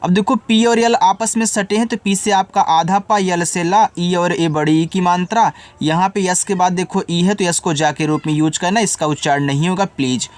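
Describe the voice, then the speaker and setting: A man's voice: high-pitched, steady tone, moderate pace, few pauses. A man who teaches English and spells words out letter by letter, then patiently explains how to read them. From India. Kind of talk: spelling lesson.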